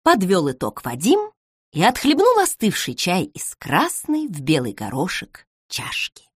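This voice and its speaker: A woman narrating a story aloud in an unhurried, expressive way. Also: on the low side, husky, no echo, studio quality. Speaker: reader.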